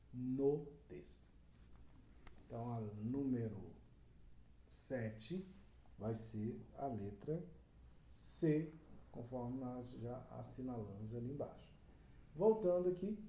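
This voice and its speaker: Brazilian guy teaching grammar, talks real slow n deliberate, echoey room. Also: mid-range voice, warm tone. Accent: Brazilian Portuguese. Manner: slow, deliberate, counts syllables aloud. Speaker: Portuguese teacher. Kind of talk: exam-prep lesson. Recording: roomy echo with faint background noise.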